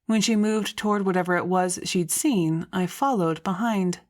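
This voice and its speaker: Lower-pitched woman narrating an audiobook. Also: normal speed. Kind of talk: scripted first-person story narration.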